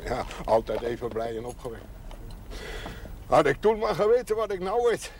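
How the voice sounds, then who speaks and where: A male actor in a 1970s TV drama portrays a village garbage collector, warm and a bit strange, given to frequent chuckles and folksy, cryptic talk. His voice is a little high with big pitch swings at a moderate pace, heard through noisy period audio.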